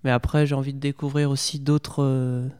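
A man's voice: medium pitch, level tone, moderate pace, a little mellow, clear, resonant tone, in a large hall. A young man from Portugal, answering interview questions hesitantly with many fillers and restarts. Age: young adult. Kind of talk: casual interview.

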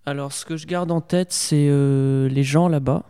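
A man's voice: on the high side, steady tone, moderate pace, dark tone, clear, resonant tone, long reverb tail. A young man from Portugal, answering interview questions hesitantly with many fillers and restarts. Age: young adult. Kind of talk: casual interview.

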